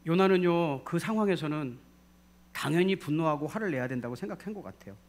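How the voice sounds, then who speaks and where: A man preaching from the pulpit of a church, with a slightly higher voice than most men. He is animated, acting out the voices he quotes and calling on the congregation to join in responses. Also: fairly quick. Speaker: pastor. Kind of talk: sermon. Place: church sanctuary.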